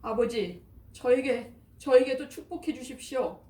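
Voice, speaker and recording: A woman's voice: fairly high pitch, fairly quick, a little mellow, natural voice. A woman voicing a grown son who pleads in a raised voice, close to tears, in a scripture reading. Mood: pleading. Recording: echoey, distant, faint noise.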